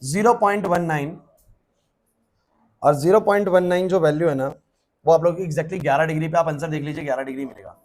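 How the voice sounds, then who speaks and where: A man's voice: a little high, a little fast, long pauses, a little mellow. A male physics teacher lecturing a class, quizzing students by name and repeating his questions. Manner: repetitive questions, urging focus.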